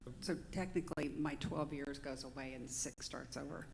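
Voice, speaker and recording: A woman's voice: rumbling low, steady tone, normal speed, vocal fry, a crowd in the background. A woman on a charter commission, directly questioning and pushing back in a public meeting discussion. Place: large council chamber. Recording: echoey meeting room.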